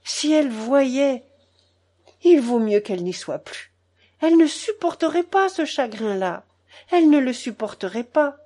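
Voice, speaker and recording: A woman's voice: medium pitch, big pitch swings, measured pace, a little mellow. A woman reading the part of a stern elderly aristocratic grandmother who scolds coldly and with emphasis. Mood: tearful. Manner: cold, emphatic, scolding with raised voice.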